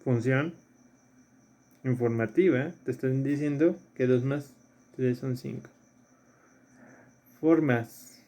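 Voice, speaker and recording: Un hombre, profesor de filosofía, da una clase a distancia y repasa ejercicios paso a paso. Repite los términos clave y pregunta "¿sí?" a menudo. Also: male voice, mid-range voice, takes it slowly, pauses often, dark tone. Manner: explains step by step, repeats key terms, checks in with "¿sí?". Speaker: philosophy teacher. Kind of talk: recorded remote lesson reviewing exercises.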